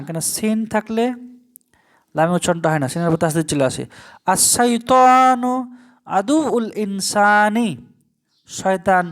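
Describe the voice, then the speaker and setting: A teacher works through a recorded language lesson. The voice draws each foreign phrase out slowly, then switches to brisk explanatory asides. Rhetorical questions to the listener keep coming back throughout. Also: mid-range voice.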